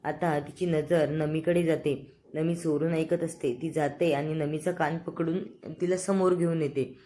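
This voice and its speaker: A woman retelling a TV serial episode in relaxed storytelling, briefly lifting her voice for each character's lines. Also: low-pitched, a little slow, slight background noise. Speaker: serial episode recap narrator.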